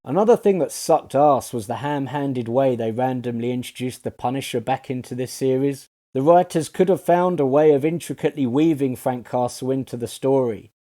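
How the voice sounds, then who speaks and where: A man delivers a scripted series review in a sardonic, foul-mouthed rant. His voice sits at an ordinary middle pitch with a dark, mellow tone. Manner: sarcastic, profane, ranting.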